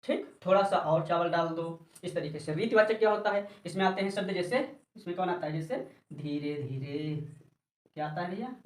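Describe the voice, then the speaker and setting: A man's voice: high-pitched, fairly quick. A man teaching a grammar lesson, asking questions and answering them himself, and calling his students child and brother. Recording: echoey room, voice far from mic.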